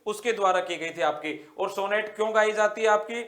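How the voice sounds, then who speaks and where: A male teacher whose voice sits high leads an online exam-prep literature lecture recorded with roomy echo. After slowly dictating and repeating English phrases, he explains them and warmly quizzes his students, addressing them as "beta".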